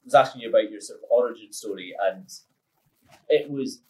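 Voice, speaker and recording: A man's voice: mid-range voice, fairly quick, low-quality recording. A man hosting a podcast, chatting casually, laughing often and restarting his sentences. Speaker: podcast host. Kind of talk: casual interview chat.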